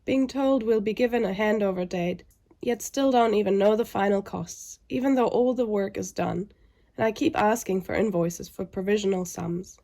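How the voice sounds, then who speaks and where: A woman's voice: medium pitch, moderate pace, dark tone. A woman sounding under the weather and weary, narrating a scripted vlog with frustration.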